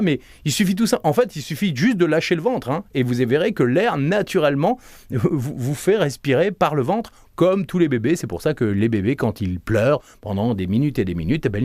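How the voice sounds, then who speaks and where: Give me a man leading a voice lesson, his pitch rising and falling in a lively, animated way. He coaches the listener warmly and patiently, showing each breath and hush himself. The recording is dry and close, with no room sound. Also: no echo. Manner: demonstrates breaths and hushing sounds, guides the listener step by step; lively, encouraging delivery. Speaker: voice and speaking coach.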